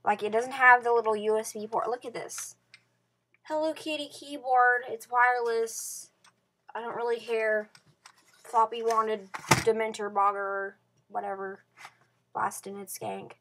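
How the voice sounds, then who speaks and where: A woman vlogging casually from her bedroom into a computer webcam mic. She rambles with lots of fillers and restarts, drifting from soft mumbles to louder bursts. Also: on the high side, flat delivery, measured pace, slight background noise.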